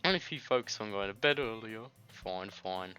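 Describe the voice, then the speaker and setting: A man with a lowish, animated, bright and forceful voice reads visual novel dialogue aloud at normal speed as a let's-play host. His reading is loose and stumbling, with misread words, and game music plays behind him.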